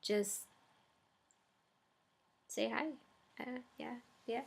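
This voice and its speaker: A woman's voice: fairly high pitch, steady tone, extremely slow, creaky. A young woman chatting casually in her first vlog, hesitant and full of ums and likes. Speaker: vlogger.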